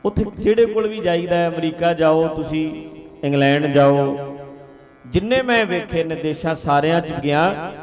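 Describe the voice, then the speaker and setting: A man's voice: fairly high pitch, normal speed, a little mellow, soft background music. A man with a Punjabi accent preaching a sermon, folksy and earnest, asking his listeners straight out. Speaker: Sikh preacher. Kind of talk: sermon storytelling.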